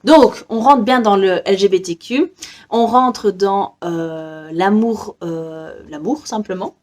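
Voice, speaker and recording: A young Belgian woman, a book vlogger, chats casually about her reading list in a book haul video. Her mid-range voice is slow and darkish, with a little hiss or hum in the background. She sounds hesitant, using lots of fillers and laughing softly and often.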